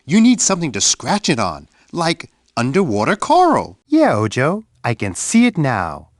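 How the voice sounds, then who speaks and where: A man voicing Bear, a big, friendly bear who guides young children through an edutainment game, talking to them warmly and patiently. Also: a little high, wildly swooping pitch, moderate pace, no echo, clean studio sound. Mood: friendly, coaxing. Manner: warm, patient, talks straight to a young child. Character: big friendly male bear host, gentle and encouraging.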